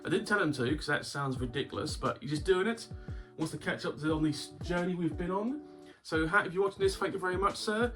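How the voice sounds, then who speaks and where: Speaking in a high, fairly bright voice, a little fast and with few pauses, this man hosts a laid-back game-collecting YouTube vlog over guitar music. He's nursing a sore throat with a cough sweet in his mouth, rambling with wry humor and frequent chuckles.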